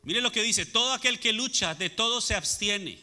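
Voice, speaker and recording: A man's voice: sits high, animated, moderate pace, sharp tone. A man preaching a sermon as pastor, asking the congregation rhetorical questions and answering them. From Latin America.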